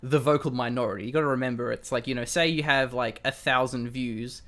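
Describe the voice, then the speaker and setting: A man's voice: mid-range voice, fairly even intonation, fairly quick, fairly bright tone. Young Australian man, casual co-host, rambling webcam delivery with frequent restarts. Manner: rambling, many restarts and fillers. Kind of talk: casual chat.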